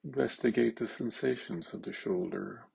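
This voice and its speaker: A man leading a slow guided meditation, halting, with long pauses and simple phrasing. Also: mid-range voice, gravelly, darkish tone, breathy edge.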